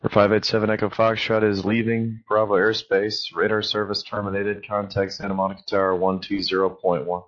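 A man speaks as an air traffic controller in clipped radio phraseology. His voice is low and very even. The transmission is dull and band-limited. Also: fairly quick, hardly any pauses. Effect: aviation radio transmission.

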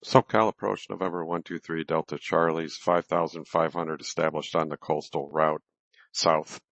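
Very deep male pilot on headset radio. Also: little pitch movement, normal speed, vocal fry, a bit bright, no room sound. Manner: clipped, standard aviation phraseology with readbacks. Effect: cockpit headset radio transmission. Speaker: private pilot. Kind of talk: radio calls to air traffic control. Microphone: headset microphone. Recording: dull, lo-fi, dry radio audio.

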